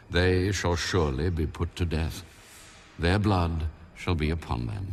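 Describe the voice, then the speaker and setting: A male deity of absolute power speaks in an exaggerated, very deep voice for a scripture audio drama. His laws and judgments land as final, delivered with solemn command over clearly present background music.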